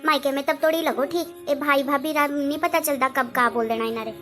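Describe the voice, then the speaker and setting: A woman plays a young visiting sister in a homemade family drama, high-voiced, speaking. She is wounded and complaining, and faint music plays underneath. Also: steady tone, brisk, fairly bright tone. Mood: hurt. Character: hurt young married woman visiting her childhood home.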